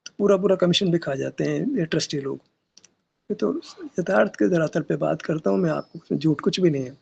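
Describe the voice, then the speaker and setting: A spiritual teacher gives a discourse at a meditation session, challenging listeners with rhetorical questions and casual asides. His brisk voice is heavily gravelly and husky, a little high and a little mellow. The recording is dull and lo-fi.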